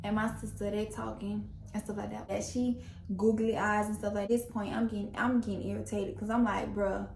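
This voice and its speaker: Speaking a little fast in a gravelly, mid-range voice, a young woman vlogs a story straight to camera from an echoey room, with a little hiss or hum present. Her telling is casual and full of slang, and she animatedly performs other people's lines.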